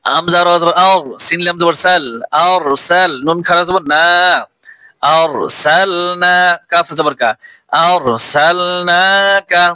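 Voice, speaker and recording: Slow, bright-voiced Quran teacher, a man. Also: high voice, smooth, dry recording. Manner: slow letter-by-letter spelling, then melodic chanted recitation. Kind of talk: spelling out Quran recitation lesson.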